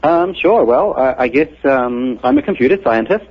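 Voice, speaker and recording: A New Zealand-accented computer scientist, interviewed as a guest, explains ideas patiently and methodically. His medium-pitched voice is expressive and slightly rough, at a normal speed. The audio sounds like a muffled radio broadcast.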